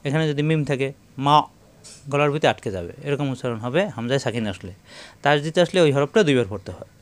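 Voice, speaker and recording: A man teaching Arabic letters in a step-by-step lesson, repeating syllables slowly in drills. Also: medium pitch. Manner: repeats syllables in slow drills and tells viewers to take note. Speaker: Quran reading teacher.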